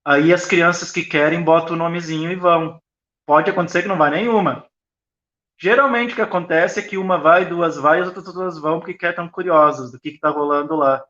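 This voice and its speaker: Man, slightly high voice, reflective, explanatory, pausing often, echoey room, dull lo-fi call audio. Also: a bit bright. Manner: reflective, explanatory, with frequent pauses. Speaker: school founder, interview guest. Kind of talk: conversational interview answers.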